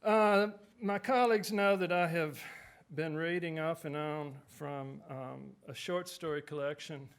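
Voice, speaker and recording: A male author giving relaxed, self-deprecating remarks at a writers' conference, then reading his own short story aloud. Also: fairly high pitch, a little slow, vocal fry, few pauses, clear, resonant tone.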